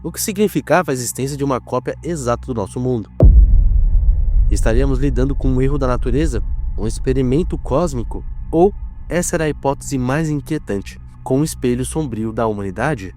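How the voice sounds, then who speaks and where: In a scripted horror documentary, a Brazilian man narrates with a mid-pitched voice. He speaks solemnly and in a measured way, with dramatic weight, over soft music.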